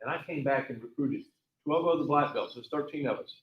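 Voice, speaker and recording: A man's voice: medium pitch, brisk. A man teaching a taekwondo class, giving a repetitive, emphatic motivational talk full of rambling stories. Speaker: taekwondo instructor. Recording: echoey, dull lo-fi room sound.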